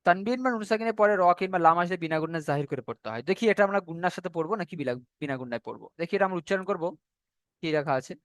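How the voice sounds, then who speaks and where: Expressive and fairly bright in tone, a man with a somewhat high voice teaches Quran recitation online as a tajweed lesson, covering each rule step by step. He draws out recited words slowly for copying. The recording is close and dry, without room echo.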